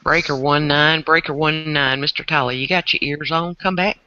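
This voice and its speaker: A man's voice: a little high, steady tone, moderate pace, noisy background. A man hosting a casual video call, playfully calling out like a trucker on CB radio, heard through muffled video call audio. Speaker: host of a group video call. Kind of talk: casual chat.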